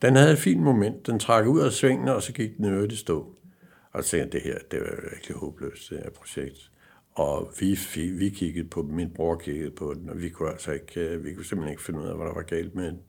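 Older man, low gravelly voice, rambling anecdotal storyteller who halts often and acts out the dialogue. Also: fairly even intonation, a little mellow. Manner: anecdotal, halting with many fillers, acts out quoted dialogue. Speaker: former racing driver. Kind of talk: casual storytelling.

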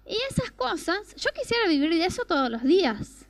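A woman gives a personal testimony sermon. Her voice sits high, and she talks earnestly, often stopping to ask rhetorical questions. The sound is close and dry, with no room echo. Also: very animated, moderate pace. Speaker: preacher.

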